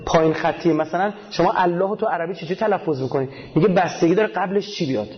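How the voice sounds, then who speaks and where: A man giving a casual, colloquial religious talk, emphatic and full of rhetorical questions he answers himself, with homely everyday examples. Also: sits high. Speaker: religious speaker. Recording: dull lo-fi recording.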